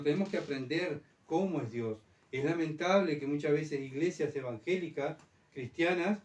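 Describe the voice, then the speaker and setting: Pastor preaching in an echoey church. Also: male voice, on the high side, darkish tone. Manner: asks the church rhetorical questions and repeats key phrases. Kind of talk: sermon. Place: church hall. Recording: roomy church sound, mic far off.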